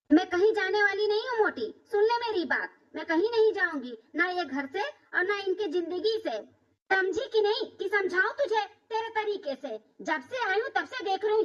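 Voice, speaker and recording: A woman's voice: very high voice, fairly bright tone. A woman doing a sassy defiant young daughter-in-law. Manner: sassy, talks back. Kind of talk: cartoon comedy voice acting. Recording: distant, dull lo-fi recording.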